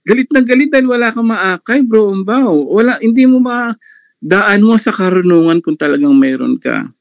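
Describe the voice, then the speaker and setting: A man's voice: high voice, animated, normal speed, creaky, no echo. A man commenting on a religious debate on an online live panel, mocking and laughing often between remarks.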